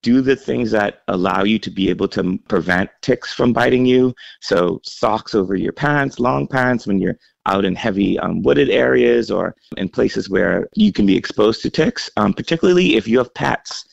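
A man from the Bahamas, a health center chief, speaking in a measured, explanatory way with frequent fillers in a radio interview. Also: on the low side, lively intonation, gravelly, no echo, muffled recording.

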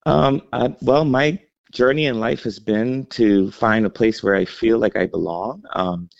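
A man from the Bahamas, a healthcare executive, answering interview questions in a measured, explanatory way with frequent fillers. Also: mid-range voice, gravelly, dry recording, lo-fi sound.

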